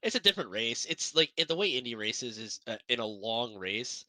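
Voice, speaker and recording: A young man talks through a casual racing podcast segment in a rambling, upbeat way. His voice is bright and forward. The sound is dry and close, with no room around it. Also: mid-range voice, very animated, a little fast, no room sound. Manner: rambling, upbeat, self-deprecating. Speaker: sim racing broadcast co-host.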